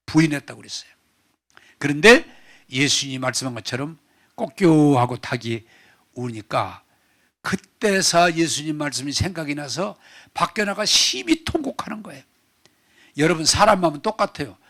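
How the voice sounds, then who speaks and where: Brief: male pastor, lively sermon delivery with wide pitch swings, slightly high voice. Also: normal speed, vocal fry. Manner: animated storytelling, acting out scenes. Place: church.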